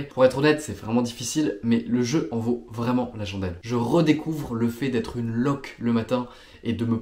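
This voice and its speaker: A man's voice: medium pitch, darkish tone. Mock-earnest man in an echoey room. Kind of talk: mock testimonial interview.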